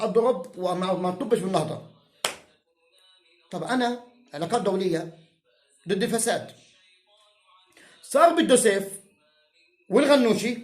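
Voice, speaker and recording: A man with a Palestinian Arabic accent rants to camera in a fierce, insulting, mocking way. His voice sits high for a man. It rings around an echoey room. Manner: heated, insulting and profane, mocking. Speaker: self-styled political commentator. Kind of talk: angry rant to camera.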